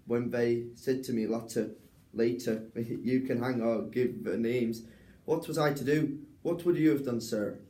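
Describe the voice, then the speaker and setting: A man's voice: medium pitch, steady tone, measured pace, warm tone, close to an everyday voice. A young man playing a meek Irish convict in a class rehearsal, with a wavering put-on Irish accent, rambling and apologetic. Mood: pleading. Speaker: drama student. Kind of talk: rehearsed stage reading. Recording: roomy echo.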